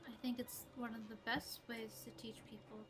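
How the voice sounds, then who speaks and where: A woman's voice: a little high, level tone, normal speed, fairly bright tone, soft background music. Persistent, inquisitive woman in role-play.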